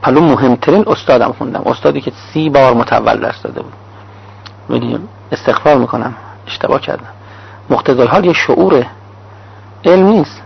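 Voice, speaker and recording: Male cleric lecturer with a raspy voice and a dull lo-fi sound, lists examples in clipped phrases. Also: mid-range voice, long pauses. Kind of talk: sermon-style lecture. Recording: dull lo-fi recording.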